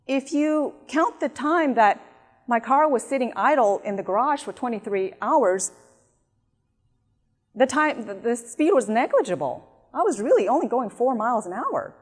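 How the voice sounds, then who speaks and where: A woman's voice: expressive, normal speed. A woman voicing an indignant male driver who protests and makes excuses to a police officer. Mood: protesting. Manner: protesting, squeaky and shrill. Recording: echoey hall.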